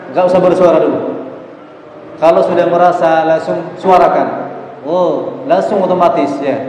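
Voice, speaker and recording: Man, slightly high voice, patient coaching, demonstrates sounds, roomy mosque hall, faint hum behind. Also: a little mellow. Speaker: Quran recitation teacher. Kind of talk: hands-on pronunciation drill.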